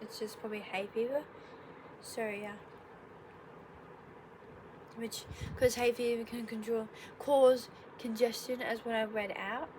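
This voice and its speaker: A young woman vlogger with a fairly high, steady voice chats casually from her bedroom, sounding a bit congested. She's unhurried and leaves long pauses, rambling through a casual explainer vlog and correcting herself with sarcastic asides. Noticeable room noise runs through the recording.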